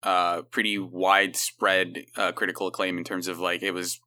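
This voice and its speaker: A man's voice: deep voice, flat delivery, moderate pace, pushed and bright. A man speaking casually as a guest on a podcast. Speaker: podcast guest, video game consultant. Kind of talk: casual chat.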